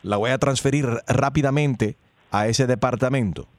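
A man's voice: medium pitch, moderate pace, no echo, lightly acted. A man playing a polite electric company agent in a prank call, with scripted patter that mixes in English words. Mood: courteous. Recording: faintly noisy phone call with clicks.

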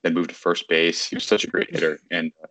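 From his city apartment, a thirty-something baseball writer from Virginia chats on a video call, self-correcting mid-sentence and rambling with plenty of fillers. His voice is low and steady yet fast, pushed and bright. The audio has no echo but is poor.

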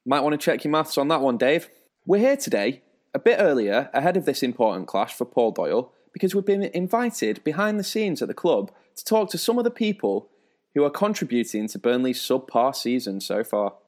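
A man's voice: medium pitch, sing-song, brisk. A man hosting a spoof football show, with a dry, teasing presenter delivery. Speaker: host.

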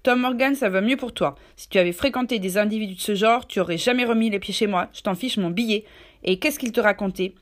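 A woman voicing a jovial, blustering one-legged pirate innkeeper in a storybook reading, with a loud, gruff, bossy manner. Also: medium pitch, quick pace, lightly acted. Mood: scolding.

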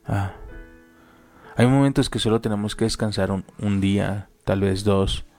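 Gravelly-voiced man giving a motivational talk. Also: on the low side, fairly even intonation, unhurried, darkish tone, faint music behind. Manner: speaks with repetition and emphasis, tells personal stories. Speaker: co-host of a faith talk show.

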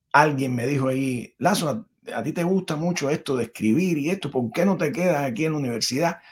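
A middle-aged Cuban man with a husky, mid-range voice appears as a podcast guest, a Spanish teacher recounting his life story. The conversational interview rambles, full of restarts.

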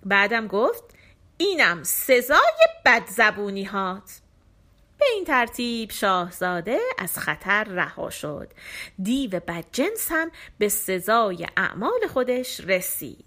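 Expressive woman reading a folk tale. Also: mid-range voice. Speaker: storyteller. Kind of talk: audiobook folk tale narration.

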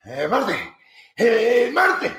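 A loud, fervent preacher with a piercing high voice, put on by a man telling a story. He shouts his demands insistently. The space rings with a roomy echo. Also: wildly swooping pitch, takes it slowly, full character voice. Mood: fervent shouting.

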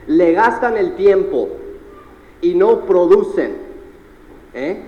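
A man giving an energetic seminar speech to a live audience. He fires questions at the crowd, tags his lines with "eh?" and mixes in English words. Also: a little high, lo-fi sound. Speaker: motivational speaker at a sales seminar. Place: large seminar hall. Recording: echoey hall with long reverb.

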